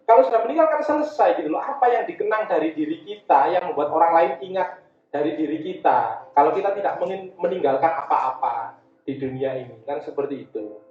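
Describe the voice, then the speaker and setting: A man from East Java with a Javanese Indonesian accent, the founder of a community education effort, gives an informal guest talk full of personal anecdotes, repeating phrases conversationally. His voice is a little high, brisk and lively in intonation. The recording sounds dull and echoey, as if he's far from the mic.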